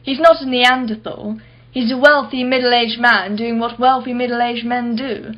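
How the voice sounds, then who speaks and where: Unhurried and with fairly even intonation, an actress portrays a wealthy society woman in a radio drama, her fairly high voice close to her natural one. She sounds clipped, imperious, blunt, brittle and guarded, with a dry, candid mood, on a somewhat dull, muffled recording.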